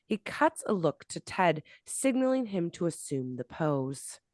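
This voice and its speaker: Animated woman reading stage directions. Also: lowish voice, measured pace, no echo, clean studio sound. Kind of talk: scripted narration at a table read.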